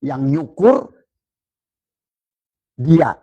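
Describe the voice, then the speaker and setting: A man with an Indonesian accent, giving an emphatic Islamic sermon as a religious teacher, his pitch often climbing for emphasis. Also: sing-song, drawn-out words, mellow, breathy edge, no echo, dull audio. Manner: preaching with rising emphatic pitch.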